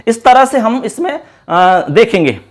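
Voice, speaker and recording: A man's voice: extremely high pitch, big pitch swings, measured pace. A man teaching a Sanskrit grammar class at a board. He explains step by step, repeats key terms and calls his viewers friends.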